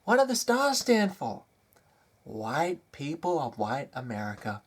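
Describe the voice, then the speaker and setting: A man delivering a comedic character rant, lurching between low mutters and loud outbursts. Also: huge pitch swings, a little slow, background noise.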